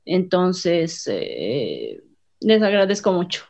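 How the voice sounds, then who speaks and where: A woman's voice: lowish voice, huge pitch swings, takes it slowly, gravelly, darkish tone, dull audio. A woman from Bolivia with a Bolivian accent, speaking conversationally as an interviewee. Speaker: interviewee, grassroots party supporter.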